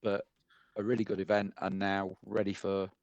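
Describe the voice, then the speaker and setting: A man's voice: deep voice, level tone, normal speed, a little mellow, no room sound, muffled recording. Cheerful guy guesting on a podcast, upbeat, dry sound. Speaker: gaming club organiser, guest. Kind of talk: casual interview chat.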